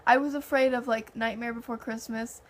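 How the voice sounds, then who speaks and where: A woman's voice: on the high side, a little fast, a little hiss or hum. A young woman in casual chat, telling stories in a conversational way and acting out quoted dialogue. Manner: animated anecdotes with heavy filler "like" and quoted dialogue.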